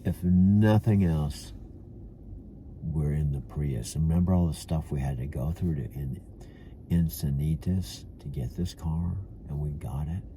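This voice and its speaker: This older man, a vlogger with a Californian accent, talks to himself from a parked car in a rambling monologue full of restarts, addressing himself as "dude." The voice is bass, dark-toned and unhurried, with a little hiss or hum.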